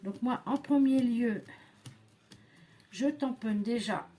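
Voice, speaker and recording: Chatty woman crafting slowly. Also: on the high side, mellow, a little hiss or hum. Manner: chatty, hesitant, with many fillers and self-talk. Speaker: crafting tutorial host. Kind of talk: casual crafting demonstration.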